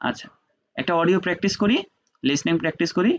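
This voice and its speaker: A patient male teacher runs an online language class. He breaks words down syllable by syllable in a fairly high voice, and his computer mic sounds dull and lo-fi. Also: quick pace, slight background noise. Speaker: French teacher. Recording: dull lo-fi online call audio.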